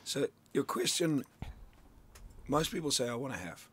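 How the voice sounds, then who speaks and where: A middle-aged man from Zimbabwe, working as a sales coach, chats through his ideas in a radio studio interview, restarting often. His medium-pitched voice is sing-song, fairly bright and a bit breathy, moving at a moderate pace.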